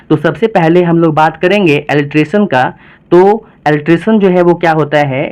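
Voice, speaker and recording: A man's voice: a little high, darkish tone, dull audio. Man teaching a poem with many fillers. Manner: heavy use of filler phrases, slow emphatic repetition of key terms. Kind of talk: explaining a poem to students.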